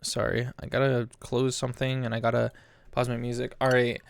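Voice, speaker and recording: A man streaming a video game, chatting in a rambling way full of "like" and restarts, getting loud and excited in bursts. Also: medium pitch, fairly quick, vocal fry, smooth, no echo, studio quality. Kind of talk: casual live-stream chatter while gaming. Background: game music.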